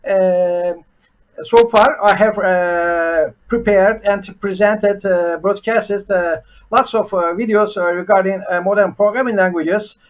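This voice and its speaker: Recorded in low quality, a man with a high, fairly even voice presents unscripted over a screen share. He's a programming teacher and channel host from Turkey, a native Turkish speaker with a Turkish accent, constantly pausing on "uh" every few words.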